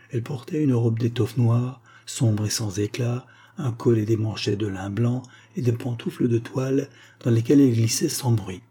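A man reading an audiobook in a steady, even narration. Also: medium pitch, husky.

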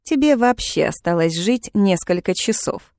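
A woman voicing a pompous, fanatical male witch-hunter who jails a witch, hissing and turning shrill when angry. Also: unhurried, a little mellow, no room sound, clean studio sound.

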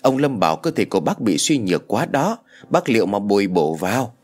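A man's voice: fairly low pitch, very animated, brisk, soft background music. A man doing a cheerful young woman neighbor.

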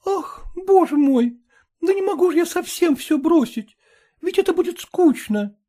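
A man reading aloud, voicing a coy, lively young factory girl in a raised voice. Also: very high voice, measured pace, pitched above the performer's own voice. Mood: pleading.

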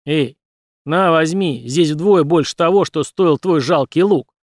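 A man voicing a fat, prosperous male street trader who talks down to people loudly. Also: a little high, unhurried, dry recording, studio quality, natural voice. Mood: mocking. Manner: loud, condescending jeering. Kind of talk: audiobook character voice.

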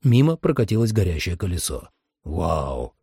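A man's voice: mid-range voice, sing-song, normal speed, dark tone, husky, dry recording, studio quality. A man narrating a first-person action audiobook, reading with dramatic expression.

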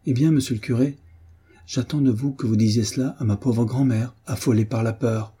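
Earnest, pleading young woman, read by a man with a very dark, husky voice; storybook reading. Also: mid-range voice, steady tone, normal speed.

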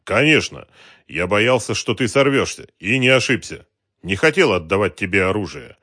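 A man's voice: on the low side, lively intonation, normal speed, sharp tone, breathy edge, dry recording, clean studio sound, full character voice. A man reading an audiobook voices a stern male detective who gives curt orders. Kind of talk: audiobook character voice.

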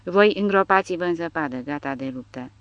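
A woman voicing an old male soldier leader who gives stern, hushed orders in an audiobook. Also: lowish voice, expressive, dry recording, lo-fi sound, close to an everyday voice. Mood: commanding.

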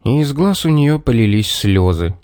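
A man narrating a children's storybook in a measured, expressive reading. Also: medium pitch, no echo, studio quality.

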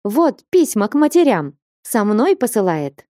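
A woman reading an audiobook voices a lively, teasing young novice girl in a higher, sing-song voice. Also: a little slow, no echo, studio quality. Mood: insistent.

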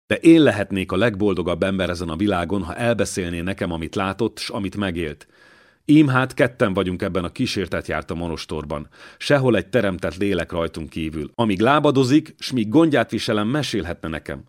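A man's voice: deep voice, animated. A male reader voicing a restless young Benedictine monk who speaks in an impassioned, pleading way. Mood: eager, restless.

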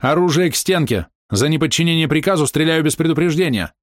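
A man voicing a fierce young woman security officer who gives sharp commands. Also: a little high, animated, fast talker, no room sound, clean studio sound, voice pushed up, natural voice. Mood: commanding.

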